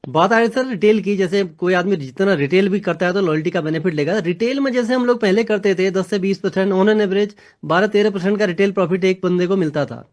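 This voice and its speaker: A man's voice: high-pitched, brisk, hardly any pauses. A man interviewing, asking follow-up questions and briefly agreeing.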